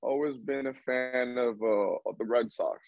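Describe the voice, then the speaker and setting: A bit slow and steady, a young Cuban baseball player speaks at medium pitch over narrow, tinny audio without echo. He's a guest in a casual interview, rambling along, restarting often and laughing.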